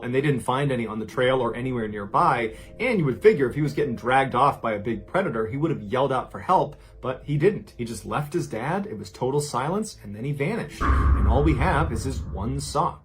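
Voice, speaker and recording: A man's voice: mid-range voice, fairly quick, few pauses, slightly rough, soft background music. A man hosting a podcast, narrating a true mystery story in a conversational, suspenseful way. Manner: conversational, present-tense storytelling with steady suspense.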